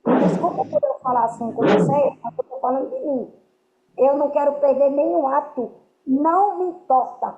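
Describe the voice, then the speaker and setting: A woman's voice: high voice, very animated, moderate pace. Woman preaching earnestly, keeps asking if you get it, echoey room, muffled lo-fi sound. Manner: earnest, keeps checking understanding. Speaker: spiritual teacher. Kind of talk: spiritual teaching to a group. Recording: roomy, dull lo-fi sound.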